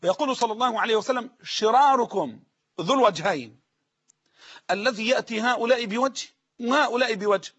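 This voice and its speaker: Egyptian guy preaching, quick and emphatic, high voice, repeats lines slow for note-taking. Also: a bit bright, highs cut off. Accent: Egyptian Arabic. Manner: emphatic, repeats sayings slowly for dictation. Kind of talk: sermon lesson.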